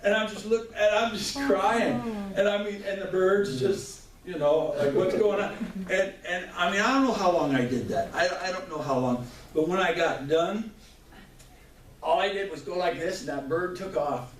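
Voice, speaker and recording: Man, slightly high voice, fervent church testimony, miked from afar in a roomy hall. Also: moderate pace. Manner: fervent storytelling with restarts and chuckles. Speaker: church member giving testimony. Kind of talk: spoken testimony before a congregation. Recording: echoey room mic from far off, faint noise.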